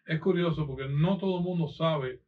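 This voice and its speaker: A man from Cuba with a Cuban Spanish accent, a host asking interview questions in a thoughtful, unhurried way. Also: fairly high pitch. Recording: distant, muffled, faint background noise.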